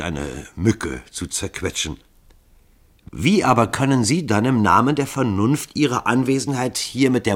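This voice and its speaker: A man voicing a young woman who speaks earnestly and defiantly. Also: mid-range voice.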